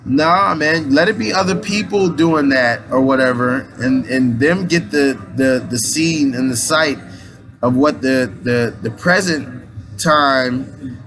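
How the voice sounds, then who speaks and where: An aspiring minister and motivational speaker in his late thirties delivers a rambling, casual spiritual pep talk in loose slang, often restarting his sentences. His voice is a little high and a bit bright, and the recording is rough.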